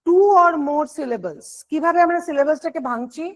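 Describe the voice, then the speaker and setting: A woman's voice: high-pitched, normal speed. A woman teaching an online grammar lesson for exam prep, explaining step by step and answering her own questions.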